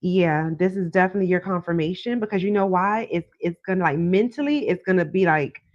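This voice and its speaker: With her phone propped on a desk, a woman with a fairly low voice hosts a live call-in, reading cards as a psychic and talking a little fast. She chats casually and elongates words for emphasis, and the dry recording loses its highs.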